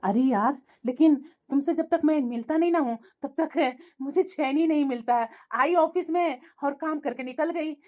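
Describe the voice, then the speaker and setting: Cartoon figure: a pleading young boyfriend, voiced by a woman, pitched well down from her own voice but still high. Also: moderate pace, hardly any pauses, darkish tone, lightly acted. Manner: pleading, wheedling.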